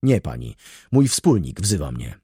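A man reading an audiobook voices a tense middle-aged merchant who speaks low, clipped and grim. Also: very animated, measured pace, warm tone, slightly rough, no room sound, clean studio sound, exaggerated voice. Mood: terse.

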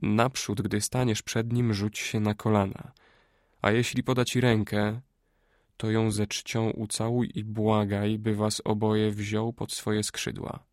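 A man reading a Greek adviser in an audiobook, speaking quietly, slowly and persuasively. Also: fairly low pitch, flat delivery, dry recording, studio quality, lightly acted. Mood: hushed persuasive. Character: a scheming older Greek man, hushed adviser.

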